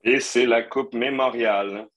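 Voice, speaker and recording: A man's voice: mid-range voice, fairly even intonation, slow pace, a bit bright. A man playing as a radio quiz contestant, hesitating and thinking aloud about his answers. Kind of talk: casual on-air banter.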